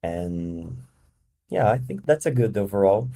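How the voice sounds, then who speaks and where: A man's voice: fairly low pitch, expressive, takes it slowly, gravelly, warm tone. A man from Brazil, a podcast guest giving thoughtful answers while searching for words. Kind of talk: casual interview answers.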